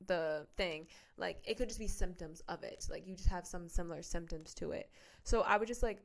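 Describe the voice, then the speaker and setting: A woman giving a casual tarot reading to camera from home, rambling and chatty, full of fillers and restarts. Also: mid-range voice. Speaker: tarot reader.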